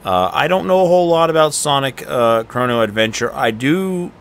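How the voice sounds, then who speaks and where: A man's voice: mid-range voice, expressive, normal speed. A man casually commenting on a video game as he plays, rambling with lots of fillers. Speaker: game streamer. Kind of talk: casual let's-play commentary. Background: loud video game music.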